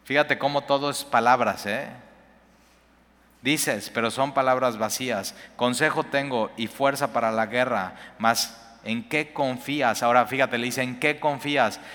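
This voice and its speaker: A man's voice: medium pitch, steady tone, normal speed, hardly any pauses, fairly bright tone. A man teaching a Bible passage, reading verses aloud and explaining them in a conversational way. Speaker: preacher. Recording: long hall reverb.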